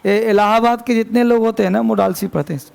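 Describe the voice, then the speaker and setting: High-pitched gravelly male teacher. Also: steady tone, quick pace, darkish tone. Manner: addresses students as babu, chiding and repeating. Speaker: English teacher. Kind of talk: classroom grammar lesson. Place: classroom with students.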